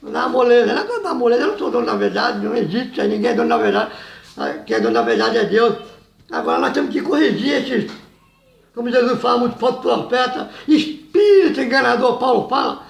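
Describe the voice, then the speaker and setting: Man, informal sermon, loud and emphatic, high-pitched voice, echoey room. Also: expressive, fast, gravelly. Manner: loud and emphatic, says he always talks loud; laughs between phrases, says "meu irmão" often. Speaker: evangelical preacher.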